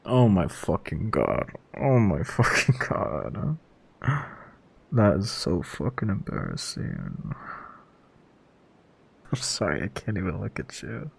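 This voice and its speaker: A man playing a sheepish, embarrassed boyfriend in a conversational audio role-play, talking haltingly and casually. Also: deep voice, fairly even intonation, gravelly, darkish tone, breathy edge, exaggerated voice. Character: sheepish, embarrassed boyfriend caught by his partner.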